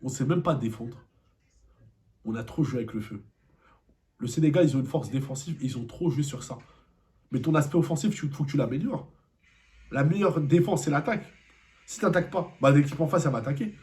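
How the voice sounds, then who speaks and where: A man's voice: a little high, fairly quick, pauses often, mellow. A man giving an angry post-match football debrief, repeating himself and firing rhetorical questions. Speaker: football vlogger.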